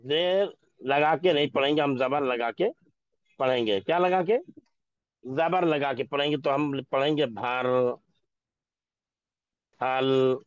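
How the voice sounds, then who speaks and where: Slow, questioning male teacher. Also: on the high side, dry recording, lo-fi sound. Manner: slow, repeats each word and asks questions. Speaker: Urdu teacher. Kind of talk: classroom lesson.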